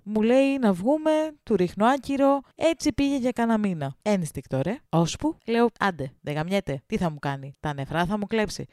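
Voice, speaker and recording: A woman from a Greek Ionian island, co-hosting a podcast in casual chat, animated, slangy and laughing often. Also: fairly high pitch, no room sound, clean studio sound. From Greece, Ionian island. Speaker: podcast co-host. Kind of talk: casual chat, reading a listener story.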